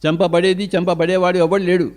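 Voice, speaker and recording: A man's voice: high-pitched, level tone, fairly quick, darkish tone. An older man with a Telugu accent giving an emphatic spiritual discourse as a meditation teacher, asking questions and answering them himself.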